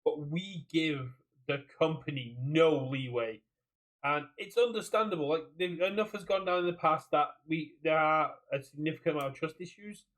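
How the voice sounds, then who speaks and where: A British man co-hosts a casual podcast about a card game community, rambling and repeating his phrases as he talks. His voice is fairly high and fairly bright, at a moderate pace, and the audio is poor.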